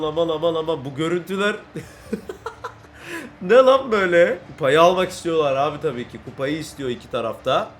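Young man, Turkish accent, high voice, lively gaming commentary, shouts at goals, slight background hiss. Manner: shouts and rises in pitch at goals, jokey running commentary. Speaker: gaming YouTuber. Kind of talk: excited gameplay commentary.

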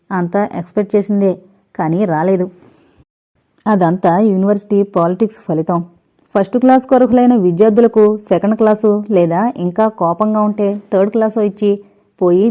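A woman narrating a first-person audio novel in a measured, reflective storytelling manner, recorded on slightly dull, lo-fi audio. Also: medium pitch, mellow.

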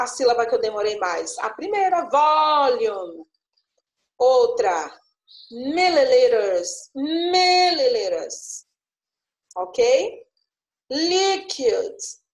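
A woman's voice: fairly high pitch, darkish tone, reverberant. A woman teaching an English lesson, explaining patiently and checking in with frequent little questions. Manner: coaxing, frequent tag questions. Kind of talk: online class explanation.

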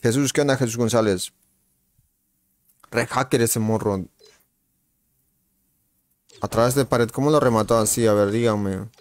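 A man hosts a live game stream, his voice sitting at an ordinary middle pitch. He talks in relaxed, slangy banter, greeting viewers one by one and reacting aloud to the fight on screen. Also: unhurried, pauses often, dry recording. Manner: greets viewers by name while reacting to the match. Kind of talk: casual live-stream gaming chatter.

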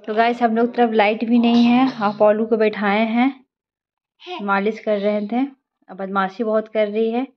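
A young woman vlogging at home as a mother, chatting casually and switching to coaxing, scolding sing-song talk to her toddler. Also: a little high. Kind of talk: casual home vlog chat. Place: indoors at home. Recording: dull lo-fi recording.

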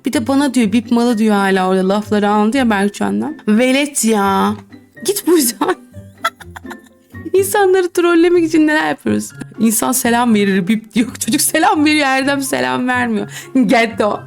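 A woman's voice: on the high side, lively intonation, normal speed, vocal fry. A young woman giving casual, teasing game commentary, often giggling and reading chat lines aloud in a mocking voice. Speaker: gaming YouTuber. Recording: faint background music.

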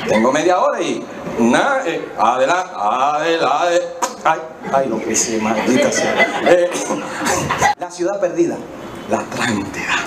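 A Dominican man doing live stand-up comedy on a small theater stage with a handheld mic, animated and slangy, slipping into voices. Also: a little high, measured pace, far from the mic. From Dominican Republic. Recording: echoey hall, mic heard from afar, loud noise.

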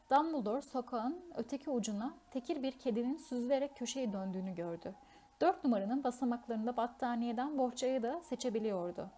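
A woman reads a fantasy novel aloud for an audiobook in a steady, expressive voice that sits fairly high. She stumbles on a word now and then and picks the reading straight back up. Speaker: audiobook reader. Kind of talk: storybook audiobook narration.

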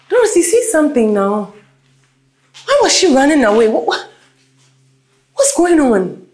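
A woman's voice: high voice, very animated, a little slow, long pauses. An actress playing a confused young wife, restless and questioning as she recovers from an accident. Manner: restless, questioning, with a wide-ranging voice.

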